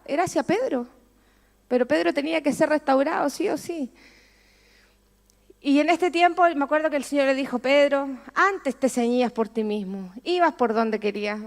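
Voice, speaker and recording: High-voiced Chilean woman preaching. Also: in a large hall. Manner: emotional storytelling, asks the congregation questions. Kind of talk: sermon testimony.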